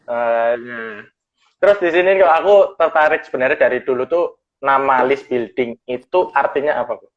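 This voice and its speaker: A man's voice: medium pitch, normal speed. Man asking questions over muffled audio. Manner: hesitant, many fillers, asks questions. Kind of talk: Instagram livestream talk.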